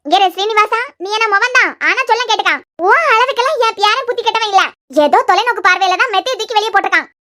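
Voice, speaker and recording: Woman doing a sharp-tongued cartoon granny. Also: very high voice, voice pushed up. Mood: scolding. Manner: scolding, proud and quick. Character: old grandmother, doting on grandson, sharp-tongued. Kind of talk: cartoon voice acting.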